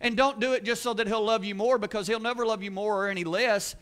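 A pastor preaches in a church sanctuary, his voice high and light, his tone steady and his pace quick. Earnest and emphatic, he hammers key words through repetition and climbs to louder, rising exclamations at the climaxes.

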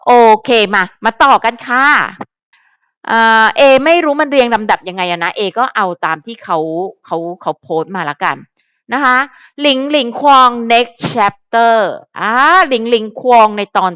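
A woman's voice: on the high side, lively intonation, moderate pace, fairly bright tone, clear, resonant tone, no room sound, studio quality. A young woman chatting casually to her viewers as a fan vlogger, calling herself by her nickname and thinking aloud as she goes. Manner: talks to viewers directly, musing aloud. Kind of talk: casual chat.

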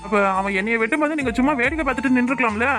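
A woman's voice: on the high side, very fast, a bit bright, soft background music, natural voice. A woman with a Kanyakumari Tamil accent voicing a caring, worried young man in a cartoon, pleading and reproachful.

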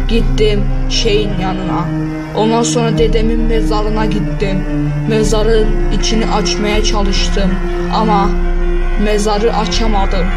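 A man's voice: high voice, low-quality recording. A man telling a first-person horror story in a plain, repetitive way, stringing events together one after another. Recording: music bed under voice. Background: background music.

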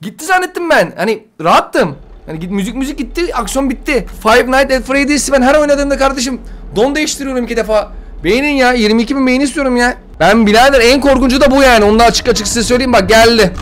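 Jittery young man, very high voice. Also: fast, few pauses, fairly bright tone. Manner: slangy, jittery, yelps and laughs when scared. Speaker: gameplay streamer. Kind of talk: casual horror game commentary.

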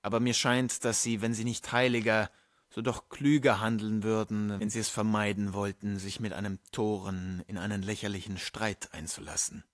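A man's voice: lowish voice, little pitch movement, normal speed, no room sound, clean studio sound, lightly acted. A man reading a mild, admonishing cardinal. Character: calm, measured male cardinal.

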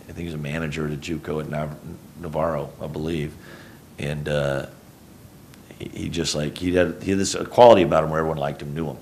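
A very deep, gravelly male voice with an even, flat delivery. He is a middle-aged basketball coach at a postgame press table, rambling and correcting himself as he answers. Faint hum in the room. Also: fast. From Houston, Texas. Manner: rambling, self-correcting, low-key. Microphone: table mic on a stand.

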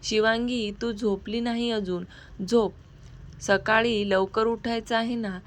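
A playful young husband in an audio storybook romance, calmly teasing his new wife, as a woman narrator reads his lines. The voice stays close to the narrator's own. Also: fairly high pitch, slow. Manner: teasing, calm.

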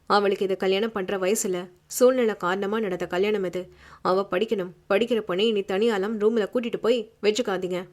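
A woman's voice: mid-range voice, moderate pace, close to an everyday voice. A woman voicing a stern, protective young man who scolds in firm, clipped words, in an audiobook.

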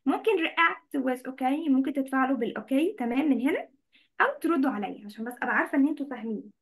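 An Egyptian woman with a high, bright-sounding voice teaches English words to children over a video call. She switches between Arabic and English and keeps asking if everyone follows. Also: animated, very fast, slightly rough. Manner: mixes Arabic and English, checks in often with students. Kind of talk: online class explaining vocabulary.

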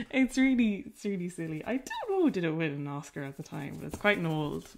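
Against a noisy background, a woman speaks at a moderate pace in a fairly low voice that swings widely in pitch and carries vocal fry. She hosts a painting livestream, chatting casually in a rural Irish accent, self-deprecating and filler-heavy as she paints.

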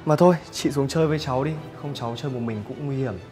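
An actor playing a kind neighbor who calmly reassures a woman, with music behind. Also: medium pitch, quick pace, close to an everyday voice. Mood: reassuring. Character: kind, calm male neighbor. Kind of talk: web drama acting.

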